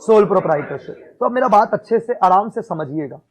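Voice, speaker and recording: A man's voice: high-pitched, lively intonation, brisk, husky, low-quality recording. A male accounts teacher giving a classroom lecture in mixed Hindi and English, often checking "ठीक है?" and quizzing his students.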